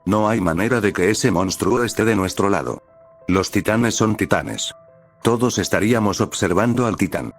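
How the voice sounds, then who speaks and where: A man reading the lines of a brash, skeptical young male soldier in a fan-made story, in a plain, flat way. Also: lowish voice, moderate pace, soft background music, lightly acted. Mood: dismissive.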